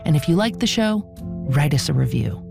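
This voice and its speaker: A woman's voice: deep voice, big pitch swings, normal speed, vocal fry, over music. A woman hosting a podcast, reading scripted narration. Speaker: podcast host.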